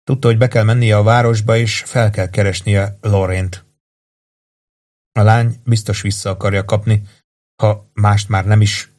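A man narrating an audiobook in a measured, even way. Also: fairly low pitch. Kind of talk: audiobook reading.

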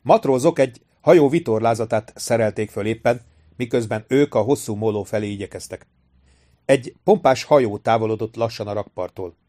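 A man narrating an audiobook in a steady, measured reading. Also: lowish voice, no echo, clean studio sound. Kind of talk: scripted narration.

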